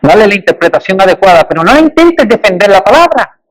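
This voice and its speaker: High-voiced man preaching emphatically. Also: sing-song, quick pace, rough recording. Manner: emphatic, rising on repeated rhetorical lists. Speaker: pastor. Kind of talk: sermon.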